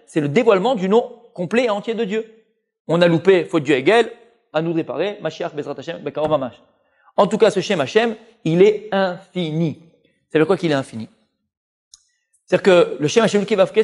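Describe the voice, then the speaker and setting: A man, a rabbi, giving an animated Torah lesson, speaking straight to his listeners. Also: fairly high pitch. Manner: animated, addresses listeners directly, full of Hebrew terms.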